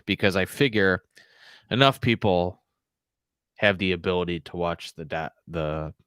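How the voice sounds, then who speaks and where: A man's voice: low voice, fairly bright tone, no echo, studio quality. A man hosting a podcast livestream, chatting casually and rambling with many fillers, a bit out of breath. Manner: rambling, filler-heavy, jokey. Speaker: podcast host.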